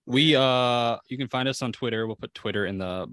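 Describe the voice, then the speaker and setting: A man's voice: medium pitch, fairly quick, fairly bright tone, dry recording. A young man co-hosting a casual sports podcast, blunt and the one who wraps things up. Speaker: podcast co-host.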